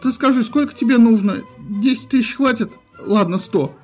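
A man's voice: very high voice, normal speed, a little mellow, faint music behind, pitched above the performer's own voice. A man reading aloud, voicing a crooked male official who whines and pleads in a panicky, wheedling way. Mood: pleading.

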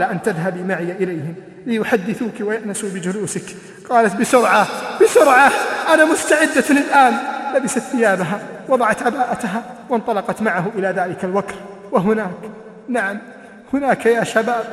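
A man giving an emotional sermon, telling a moral story dramatically and rising into chanted, near-shouted pleas. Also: sits high. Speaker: preacher. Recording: echoey hall recording.

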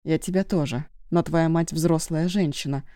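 Woman doing a blunt young guy getting defensive, low dark voice, dry close sound. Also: moderate pace, no room sound, lightly acted.

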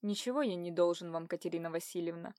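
A woman's voice: lively intonation, no room sound, clean studio sound, close to an everyday voice. A woman voicing a cold brooding young man. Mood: cold, stern. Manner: slow, low and cold. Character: stern possessive young man, brooding forest dweller.

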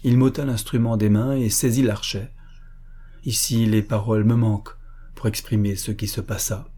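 A man reading a classic story aloud as scripted narration, in a steady, measured way and with a husky voice. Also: on the low side. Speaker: audiobook reader.

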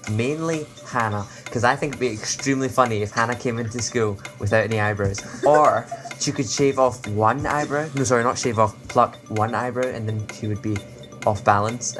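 A teenage girl hosting a casual comedy podcast, teasing her friends in a playful way. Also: extremely low pitch. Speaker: podcast host. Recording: loud music in background.

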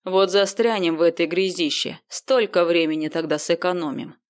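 A woman voices a grumbling, sly male doctor in an audiobook. He mutters complaints and turns menacing. A gruff, sneaky manner. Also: on the low side, normal speed, lightly acted.

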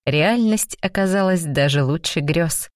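Low-voiced woman narrating a romance. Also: measured pace, no echo, studio quality. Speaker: audiobook narrator. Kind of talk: scripted narration of a romance novel.

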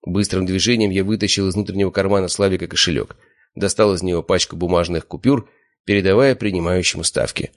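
Deep-voiced male audiobook narrator. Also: fairly even intonation, fast. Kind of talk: first-person fiction narration.

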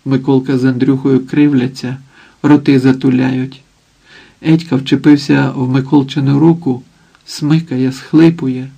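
A man reading an audiobook as narrator in an even, subdued storytelling manner. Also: mid-range voice, unhurried, creaky, poor audio. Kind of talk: scripted narration.

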